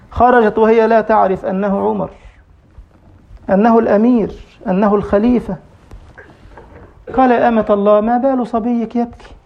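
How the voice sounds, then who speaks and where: A man's voice: very high-pitched, creaky, muffled recording. A man preaching a sermon and telling stories, impassioned, with his voice rising into cries at the refrains. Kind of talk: sermon storytelling.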